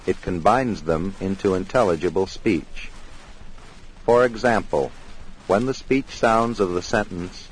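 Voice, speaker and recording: Deep-voiced guy reading a formal tech demo narration, calm and measured. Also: husky, poor audio. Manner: formal, measured explanatory delivery. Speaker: narrator of a technical demonstration. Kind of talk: scripted narration.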